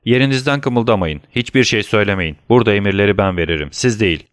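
A secretive middle-aged prosecutor gives curt, commanding orders in a low, smooth voice, as a male narrator plays him. The reading is dry and close, like a storybook read aloud. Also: fast, dry recording, close to an everyday voice. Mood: stern. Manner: curt and commanding, then persuasive.

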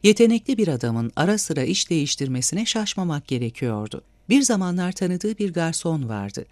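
A man reading a novel aloud as an audiobook narrator, with measured, expressive storytelling. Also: on the high side, dry recording. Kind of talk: scripted narration.

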